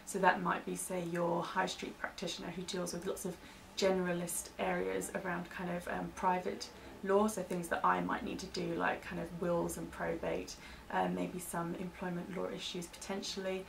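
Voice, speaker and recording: In a monotone at normal speed, a low-pitched, gravelly British woman informally explains legal terms for staff training, hedging with "kind of" as she answers as the interviewee. The recording sounds distant and carries faint background noise.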